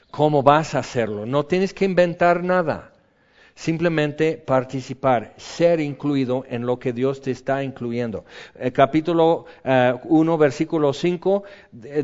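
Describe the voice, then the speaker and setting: A man preaching a sermon in an animated way, acting out quotes with sudden high yelps. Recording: dull lo-fi recording.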